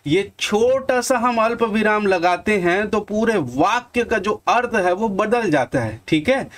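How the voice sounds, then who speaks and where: A man with a Chhattisgarhi accent teaching an exam-prep lesson, calling viewers friends and answering his own questions. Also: high voice. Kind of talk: online lesson with examples.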